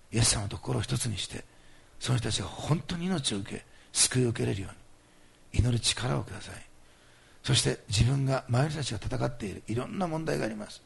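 A man's voice: mid-range voice, creaky, husky. A man preaching as a pastor and leading a fervent healing prayer, with commanding declarations and earnest appeals to his listeners. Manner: earnest, coaxing address to listeners.

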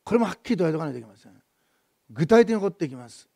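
Male pastor, quick-paced sermon delivery, swings between emphatic repetition and soft asides. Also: fairly high pitch, big pitch swings, creaky, no room sound, studio quality. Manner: builds to loud emphatic repetition, then drops to soft asides.

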